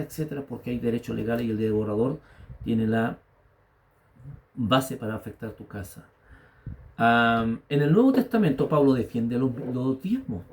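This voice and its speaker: Chilean male pastor, fifties, dark mellow tone; testimony-driven sermon that builds to emphatic calls. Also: mid-range voice. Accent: Chilean Spanish. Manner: storytelling preacher, rising to emphatic exhortation.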